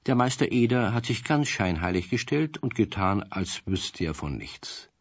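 A man's voice: lowish voice, big pitch swings, normal speed, no echo. A man as the narrator of a children's radio story, telling it expressively. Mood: wry storytelling. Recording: dull 1970s radio recording.

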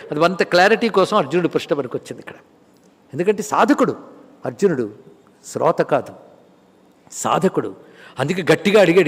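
A man giving a spiritual discourse on the Gita, in a lively way, asking and answering his own questions. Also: sits high, long reverb tail.

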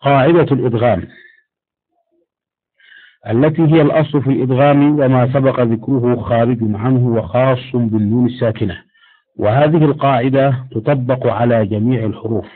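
A man of middle pitch reads a recitation lesson in a steady, explanatory manner. He slows down whenever he recites the example words. The audio is narrow and tinny, as over a phone line. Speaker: Quran recitation teacher. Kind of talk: read-aloud tajweed lesson.

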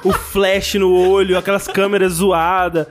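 A man's voice: high voice, flat delivery, a little slow, crowd noise. A man with a Brazilian Portuguese accent, hosting a podcast in a casual, chatty style. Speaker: podcast host.

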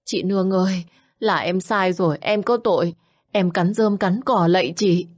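A woman's voice: mid-range voice, expressive, unhurried, muffled recording, voice pushed up. A woman voicing a frightened young mother who stammers and begs tearfully. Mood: pleading.

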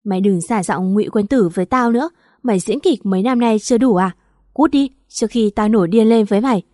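A woman's voice: mid-range voice, brisk, mellow, no room sound, studio quality, lightly acted. A woman voicing a furious young man who hurls scornful accusations at his former best friend. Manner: harsh, scornful outbursts.

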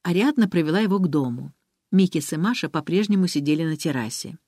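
Brief: woman audiobook narrator, lively intonation, dry close recording. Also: low voice, fast, no room sound. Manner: expressive, animated reading.

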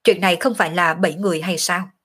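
A woman narrating a martial arts novel as an audiobook in a steady, dramatic storytelling manner. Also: fairly low pitch, fast, slightly rough.

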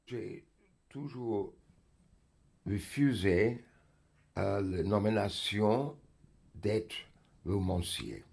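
A writer speaking French with an English accent in an archive radio interview, pausing to search for words. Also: male voice, fairly low pitch, animated, vocal fry, a little mellow, breathy edge.

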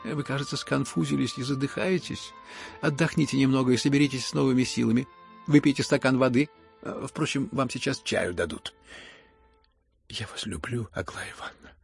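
A man's voice: mid-range voice, fairly quick, creaky, faint music behind, voice pushed up, close to an everyday voice. Man voicing a meek stammering young prince. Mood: earnest. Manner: hesitant, soft-spoken, stammering. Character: gentle, meek young prince, shy and sincere. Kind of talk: audiobook character reading.

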